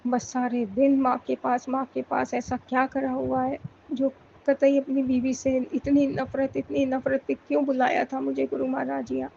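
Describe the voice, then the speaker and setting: A woman's voice: high-pitched, completely flat delivery, moderate pace, creaky, mellow, muffled recording, slight background noise. Pleading woman in devotional prayer. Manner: pleading, emotional, prayerful repetition. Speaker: devotee sharing a personal prayer. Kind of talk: devotional monologue.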